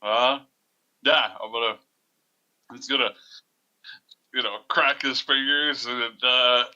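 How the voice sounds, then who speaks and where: A man's voice: mid-range voice, fairly even intonation, takes it slowly, pushed and bright, lo-fi sound. A man playing a tabletop game online, laid-back and chuckling as he checks rules. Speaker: player. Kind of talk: casual tabletop game chat.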